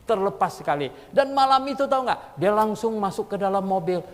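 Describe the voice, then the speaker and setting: A male pastor preaching a sermon in a colloquial, lively storytelling manner, his voice leaping high when he acts out quotes. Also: fairly quick. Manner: colloquial Jakarta-style speech with frequent "gitu". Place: church hall. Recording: long church hall reverb.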